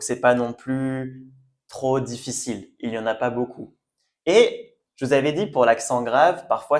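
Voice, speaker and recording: A man giving a French language lesson, patiently repeating sounds and words and often checking that learners follow. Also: mid-range voice. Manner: checks understanding with "d'accord?". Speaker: French teacher.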